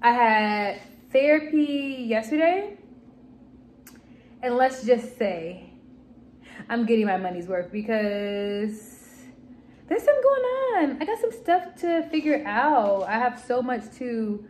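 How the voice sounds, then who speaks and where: A woman's voice: on the high side, big pitch swings, slow, pauses often, darkish tone, a little hiss or hum. A young woman from the Chicago area chatting to her phone camera in a casual, candid, self-mocking vlog, from a car and then at home. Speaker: vlogger. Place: car backseat, then small kitchen and living room. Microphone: phone camera held close.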